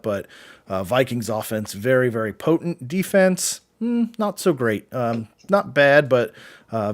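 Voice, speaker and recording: A man co-hosting a fantasy football show, chatting casually and answering viewer questions, with many fillers and restarts. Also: medium pitch.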